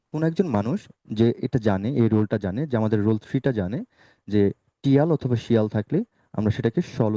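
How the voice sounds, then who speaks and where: A male teacher leading an online spoken English class, saying words slowly and asking students to repeat them. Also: medium pitch, warm tone, no echo.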